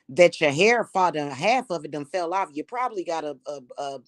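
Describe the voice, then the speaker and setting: A woman from Kansas City, Missouri, who practices spirituality and hosts a channel, delivers a blunt, scornful, mocking monologue to her viewers in a Missouri accent. Her voice is low and expressive at a moderate pace, recorded with clean studio sound and no echo.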